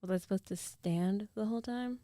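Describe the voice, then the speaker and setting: A woman speaks quietly and falteringly near the microphone, acting as a caring but teasing young ex-girlfriend in an intimate ASMR roleplay. The recording is dry, her pitch medium and close to her everyday voice, and her mood is apologetic and worried.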